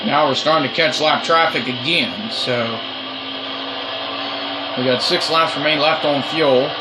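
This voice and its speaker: A man giving excited commentary on his own racing game play, urgent and repetitive as he coaxes and cheers. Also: fairly high pitch, measured pace, very noisy.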